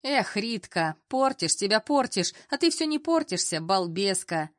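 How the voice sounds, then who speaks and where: A woman's voice: mid-range voice, sing-song, a little slow, no echo, clean studio sound. A woman voicing an older female cleaner who is cheeky, folksy and mocking. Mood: teasing. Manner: folksy, teasing.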